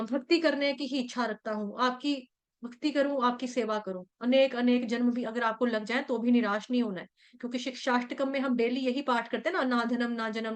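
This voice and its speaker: A woman leads a devotional scripture class, explaining things in Hindi mixed with English and chanting Sanskrit verses slowly. Her voice is on the high side.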